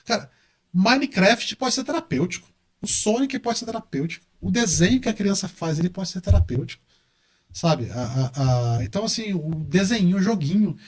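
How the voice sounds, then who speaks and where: Animated Brazilian man with a higher voice. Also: brisk. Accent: Brazilian Portuguese. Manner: animated, repeats words for emphasis. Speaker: guest, university professor and engineer. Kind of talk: casual podcast interview.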